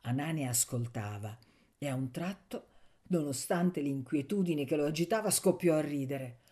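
A woman narrating a novel aloud in a measured, expressive reading. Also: deep voice. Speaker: audiobook narrator. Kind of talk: scripted literary narration.

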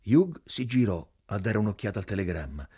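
A man narrating a literary novel as an audiobook, in a measured reading voice. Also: on the low side, big pitch swings, dark tone, breathy edge.

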